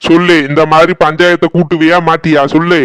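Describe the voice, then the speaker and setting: A man's voice: fairly high pitch, level tone, fairly quick, a bit bright, clear, resonant tone, no echo, lightly acted. A man voicing a harried adult son stuck between his wife and his mother in a cartoon, speaking with a Kanyakumari Tamil accent in an exasperated, pleading way.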